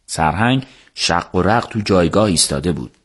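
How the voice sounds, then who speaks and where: A man narrating a book on the radio in a calm, measured storytelling manner. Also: low voice, breathy edge. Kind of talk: scripted narration.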